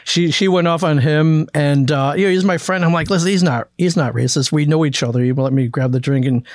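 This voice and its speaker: A man from the American Midwest, a guest in a casual conversation, telling a story with frequent restarts and lively quoted lines. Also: fairly high pitch, a little fast, no echo, clean studio sound. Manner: storytelling, restarts often, animated when quoting.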